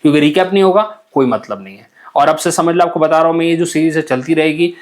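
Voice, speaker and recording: A man's voice: a little high, fast talker. A young man giving a chatty online vocabulary lesson, often checking in with "okay?" and acting out little scenes. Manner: chatty, repeats "ठीक है?" and acts out little scenes. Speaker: vocabulary teacher for exam aspirants. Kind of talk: explanatory online lesson in Hindi with English words.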